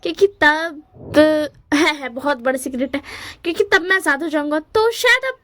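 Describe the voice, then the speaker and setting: A woman's voice: high voice, expressive, a bit bright, no room sound. A woman voicing a fawning, nervous old male tree demon in a casual story retelling. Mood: eager. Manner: eager, apologetic, talks fast.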